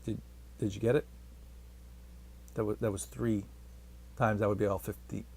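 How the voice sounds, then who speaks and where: A man's voice: fairly low pitch, flat delivery, normal speed, darkish tone, breathy edge. A man talking casually to the camera in a rambling, hesitant, self-deprecating way. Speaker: vlogger.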